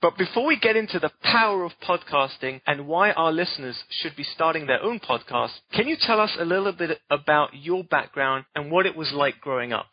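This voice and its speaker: A man's voice: on the high side, brisk, hardly any pauses, dry recording. Enthusiastic male podcast host, dull dry audio. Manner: enthusiastic, easily excited. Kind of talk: interview podcast.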